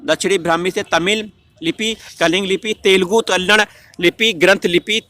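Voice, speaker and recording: A man's voice: high voice, steady tone, normal speed, pushed and bright, no echo. A man teaching an exam-prep lesson in a question-and-answer style, repeating answers and correcting himself mid-word.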